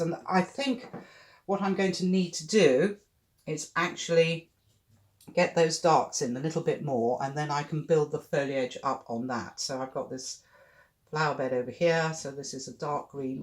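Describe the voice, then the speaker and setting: A British art club tutor giving a relaxed acrylic painting demonstration, thinking aloud with chatty, cheerful asides. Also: medium pitch, moderate pace.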